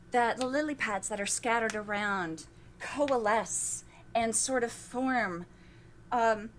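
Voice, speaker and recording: A woman leads a tabletop game as its game master, narrating slowly and stopping to restart her phrases. Her voice sits a little high. A faint noise floor hums under the recording. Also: fairly bright tone. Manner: slow, halting narration with many restarts.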